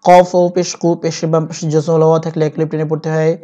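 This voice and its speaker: A man teaching Quran reading, spelling out syllables one by one and chanting each verse slowly. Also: on the high side, level tone, mellow. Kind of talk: step-by-step recitation lesson. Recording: dull lo-fi recording.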